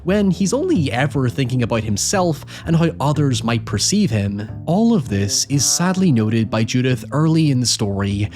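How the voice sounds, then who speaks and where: A man's voice: medium pitch, very animated, moderate pace, hardly any pauses, darkish tone. A man narrates a scripted video essay as its host, speaking in an articulate, analytical way with the occasional wry aside. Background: background music with guitar.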